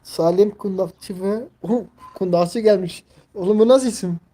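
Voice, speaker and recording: Mellow-voiced young man chatting on a live stream. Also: high voice, normal speed. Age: 20s. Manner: rambling, filler-heavy, reads chat aloud. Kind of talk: casual live-stream chat.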